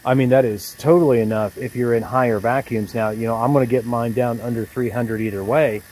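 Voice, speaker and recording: This HVAC technician, a man in his forties, speaks briskly at medium pitch with fairly even intonation and a slightly mellow tone. Standing in a yard beside an AC unit, he explains things conversationally to a phone at arm's length. The outdoor recording is poor and noisy.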